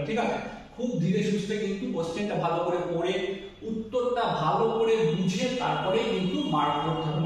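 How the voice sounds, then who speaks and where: A man teaching an exam-prep English lesson, reading each question slowly and often checking that his students follow. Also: sits high, darkish tone. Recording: echoey room, distant mic.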